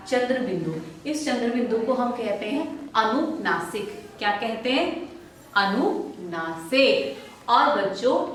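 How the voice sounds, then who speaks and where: A woman teaches a primary-school class and draws out each word as she reads it. She often asks a question and then answers it herself. Her fairly high voice sounds distant, in a strongly echoing room. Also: fairly bright tone, a little hiss or hum. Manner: slow, drawn-out word reading with call-and-response questions. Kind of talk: online primary-school lesson. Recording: very echoey room, voice off-mic.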